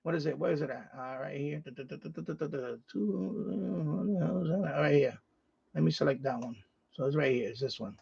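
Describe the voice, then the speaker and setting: Male live stream host, husky higher voice, chatty and muttering with louder radio calls, lo-fi sound. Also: fairly quick. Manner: muttering to himself, with louder call-outs. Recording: dull, lo-fi sound.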